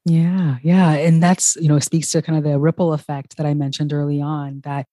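A woman hosting a podcast interview, affirming often and reflecting slowly on what her guest says. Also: low voice, flat delivery, dark tone, no echo. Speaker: podcast host.

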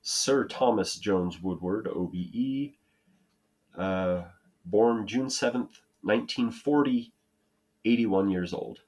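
A man's voice: fairly low pitch, takes it slowly, a little mellow, slightly rough. A man from the United States co-hosting a casual podcast chat, rambling and self-deprecating with frequent restarts. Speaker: podcast co-host.

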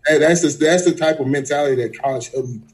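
A man's voice: fairly high pitch, fast talker. A man talking as a guest on a casual podcast, earnest and restarting his phrases as he goes.

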